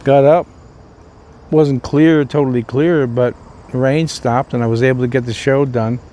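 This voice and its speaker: A man's voice: medium pitch, steady tone, normal speed, dark tone. An older man, a pastor, giving an informal devotional talk, rambling and folksy with many fillers and restarts.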